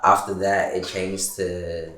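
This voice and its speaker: Sitting on a couch-filled living-room studio set, a young rapper from Zimbabwe chats easily in a casual interview, dropping "like" again and again. He speaks slowly in a deep, level voice that sounds pushed and bright in a roomy space.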